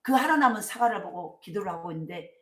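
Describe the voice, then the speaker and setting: Animated woman pastor. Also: mid-range voice, fast talker. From South Korea. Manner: animated storytelling, colloquial, rising to emphatic bursts. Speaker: senior pastor. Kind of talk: sermon. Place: church sanctuary. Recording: echoey church sanctuary.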